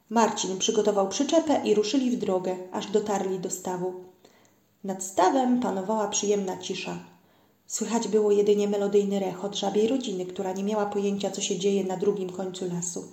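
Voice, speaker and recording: A woman narrating a children's storybook in a gentle storytelling manner, in a roomy-sounding recording. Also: mid-range voice, normal speed. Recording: roomy echo.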